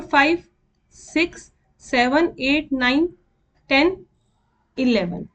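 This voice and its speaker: A woman with an Indian accent teaching astrology in a slow, deliberate way, counting out and repeating terms as she explains. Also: sits high. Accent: Indian English mixed with Hindi. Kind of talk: explanatory lesson.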